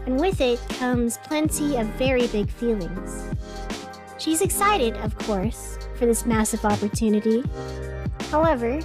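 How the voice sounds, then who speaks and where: A high-voiced actress takes the role of a nervous woman hosting a scripted, fictional radio broadcast. She speaks with deliberate emphasis and forced cheerfulness, assuring listeners all is well.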